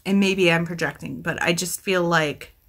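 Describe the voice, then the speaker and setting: A woman in her thirties, a book vlogger, talks casually to the camera from a small room at home, rambling and correcting herself as she thinks aloud. Her voice is lowish and fairly bright, with a steady tone and a normal pace.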